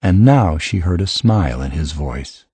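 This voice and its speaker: A man narrating a fantasy audiobook in a calm, measured way, recorded in a studio. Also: deep voice, husky, no echo. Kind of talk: scripted narration.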